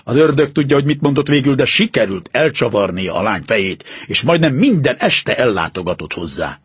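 A man voicing a calm, stern detective in an audiobook reading, explaining in a measured, authoritative way. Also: medium pitch, breathy edge, no echo. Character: calm, stern male detective, confident and precise.

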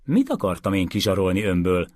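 A man reading aloud, voicing a calm, dry-witted male lawyer who speaks in a measured, firm way. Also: deep voice, no echo.

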